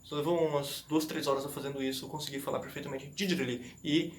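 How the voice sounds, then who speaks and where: A man's voice: fairly high pitch, flat delivery, quick pace, a little hiss or hum. A man giving a casual, motivational lesson on learning English, emphatic and repetitive, with slangy asides. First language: Portuguese. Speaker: language learning youtuber.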